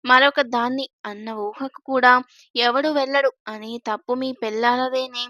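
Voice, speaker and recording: A woman's voice: high-pitched, fairly even intonation, normal speed, sharp tone, no room sound, lo-fi sound. A woman reading aloud voices a cheeky young new mother who jokes with her sister, in a spoken storybook serial. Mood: joking. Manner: joking, cheeky.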